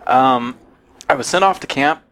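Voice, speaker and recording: A man guest telling a story in a casual podcast chat, with a dry, unhurried delivery. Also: medium pitch, gravelly, a bit bright.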